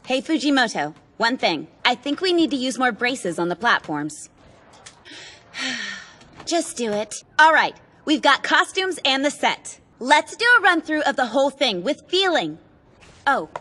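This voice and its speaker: Bossy, bright-voiced anime schoolgirl. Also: sits high, sing-song, a little hiss or hum, exaggerated voice. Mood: brisk bossy. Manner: brisk, directing. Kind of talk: anime dub acting.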